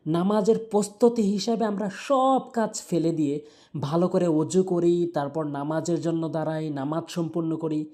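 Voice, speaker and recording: A man teaching Quran recitation, who patiently explains each sound and repeats syllables slowly. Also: a little high, steady tone, mellow. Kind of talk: instructional talk on pronunciation.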